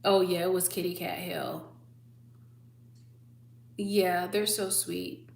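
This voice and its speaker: Animated woman chatting on a livestream. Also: on the low side, slow pace, creaky. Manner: animated storyteller who acts out voices. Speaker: livestream host. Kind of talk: casual chat. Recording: echoey room with faint hum.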